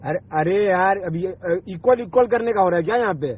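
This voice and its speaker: A man's high-pitched voice with a breathy edge comes a little fast during a heated phone argument. He is an online video maker who stays confrontational and insistent, swearing and going over the same points, all on a dull lo-fi recorded call.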